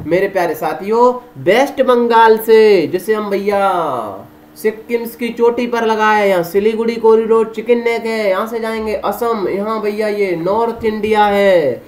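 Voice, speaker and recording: A man's voice: high voice, unhurried. A man gives an exam-prep lecture in an echoey room, talking over a zoomed map. He plays both sides of the exchange, asking and answering his imagined students' questions. He keeps calling his listeners dear friends. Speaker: current affairs teacher.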